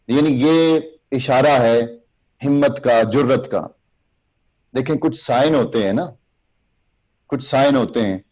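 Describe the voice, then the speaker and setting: A male instructor gives a lecture on oratory at an even, middling pitch. He explains each hand gesture step by step and talks straight to his students. His recited example lines come out louder, slower and emphatic. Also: poor audio. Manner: recites sample lines in a raised, slow, emphatic voice. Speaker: public speaking instructor. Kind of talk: classroom lecture.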